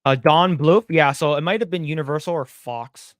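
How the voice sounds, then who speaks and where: Casual, rambling podcast talk comes from this young male co-host, who is blunt and swears casually. He speaks at a normal speed in a fairly high voice, recorded dry with clean studio sound.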